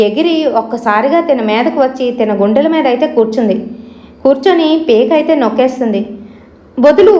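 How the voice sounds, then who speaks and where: A woman narrates a horror story in a steady, conversational way, her voice sitting fairly high. She pads her sentences with casual fillers as she goes. The recording rings with noticeable room echo. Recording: echoey room.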